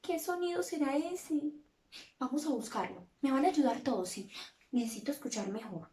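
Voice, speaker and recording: High-pitched woman teaching small children. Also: mellow, slight background noise. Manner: slow, exaggerated and playful, with gasps of surprise. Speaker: preschool teacher. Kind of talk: bilingual children's lesson. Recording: roomy, distant from the mic.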